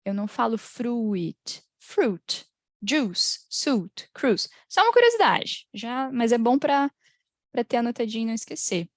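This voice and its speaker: A woman with a Brazilian Portuguese accent teaching English pronunciation in an online class. She laughs often and slowly draws out the model phrases. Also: fairly high pitch, dry recording, studio quality. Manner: lively, drawn-out model phrases, frequent laughs.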